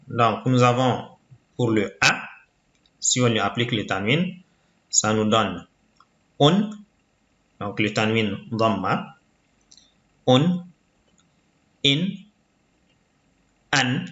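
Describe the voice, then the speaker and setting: A male teacher walks through a reading lesson at a slow, careful pace, saying each sound again and again for the learner. His voice is bright and forward. The recording sounds roomy and dull, as if made in an echoing room with a modest mic. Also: lowish voice. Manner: patient, repeats sounds for the learner. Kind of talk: slow, deliberate language lesson.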